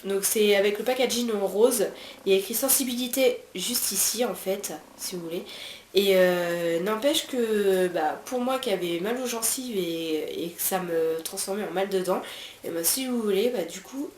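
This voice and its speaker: A woman's voice: medium pitch, moderate pace, a little mellow. A French woman with a French accent reviewing beauty products in a casual chat, talking freely with many fillers and restarts. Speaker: beauty vlogger. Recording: roomy echo, faint background hiss.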